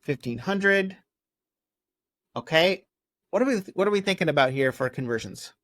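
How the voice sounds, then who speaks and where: A man's voice: fairly high pitch, animated, normal speed, a bit bright, no room sound. A man co-hosting an online course, explaining in an upbeat, conversational way with worked examples. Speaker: course co-host. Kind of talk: casual course walkthrough.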